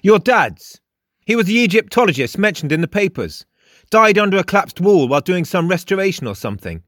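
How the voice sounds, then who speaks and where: For an audiobook, a man voices a smug, theatrical young mystic from a storybook, pitching above his natural range and declaiming with pompous emphasis in a knowing, urgent mood. The delivery is high, fairly quick and a bit bright, with big pitch swings, on a dry, clean studio recording.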